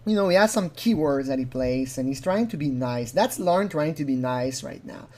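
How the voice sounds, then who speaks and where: A man analyses a recorded phone call in informal, unscripted commentary, rambling and animatedly acting out quotes as he explains. His medium-pitched voice is expressive and dark in tone, at a normal pace.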